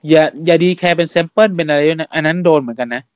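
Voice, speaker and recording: Chatty Thai podcast host, dry sound. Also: male voice, a little high, very fast, darkish tone, clear, resonant tone, no echo, lo-fi sound. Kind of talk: casual podcast chat.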